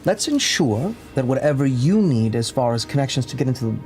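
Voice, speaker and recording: Guy as polite clever adventurer, expressive pitch, tactful, tabletop rp w music behind. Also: brisk, close to an everyday voice. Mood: polite, shrewd. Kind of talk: improvised tabletop role-play.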